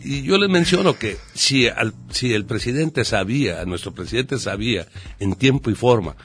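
A man's voice: medium pitch, animated, normal speed, fairly bright tone. A man speaking as a guest on a radio talk show, earnest and repeating his points. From Mexico. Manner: earnest, repetitive.

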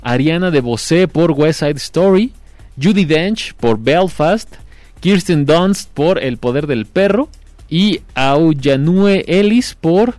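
A man's voice: a little high, lively intonation, slow, a little mellow, dry recording, soft background music. A man, hosting a casual chat about film awards, reading out nominees in a slangy, easygoing way. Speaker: podcast host.

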